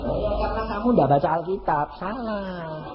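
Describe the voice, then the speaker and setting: A man's voice: high-pitched, a little fast, heavy background noise. A male evangelist, preaching a sermon and teasing the congregation with rhetorical questions. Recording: dull echoey hall recording.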